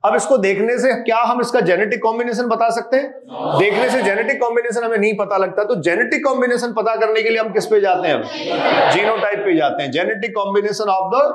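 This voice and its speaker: A man teaches an exam revision lesson in a high, lively voice. He keeps firing rhetorical questions at his students and sometimes calls out loudly. The sound is roomy and echoey. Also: noisy background. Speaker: biology teacher.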